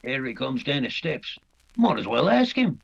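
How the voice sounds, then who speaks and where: A man's voice: medium pitch, big pitch swings, moderate pace, creaky, slightly rough, dull audio, full character voice. A man playing Lestrade, a plain-spoken, practical police detective in an old-time radio mystery. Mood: matter-of-fact. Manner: matter-of-fact, colloquial.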